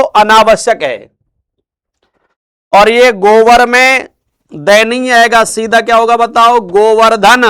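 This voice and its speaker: A Hindi grammar teacher with a Rajasthani accent and a very high voice. He runs a spelling drill, asking the class questions and then drawing out each answer slowly. His voice is smooth and clear. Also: bright, forceful tone. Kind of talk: spelling lesson.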